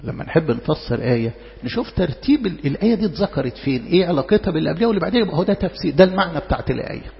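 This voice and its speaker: A man with an Egyptian accent preaching a sermon, asking rhetorical questions and slowing down to quote scripture. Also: a little high, animated, gravelly, in a large hall, dull audio. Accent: Egyptian Arabic.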